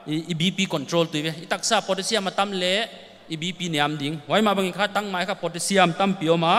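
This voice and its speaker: Man, high-pitched, explanatory festival talk in a big reverberant hall. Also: a bit bright. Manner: explanatory, lists nutrients and terms. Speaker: festival speaker. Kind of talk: informational talk. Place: large hall.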